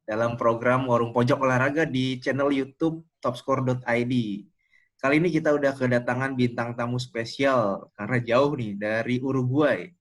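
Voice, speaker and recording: Male sports host. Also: medium pitch. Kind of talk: casual sports interview.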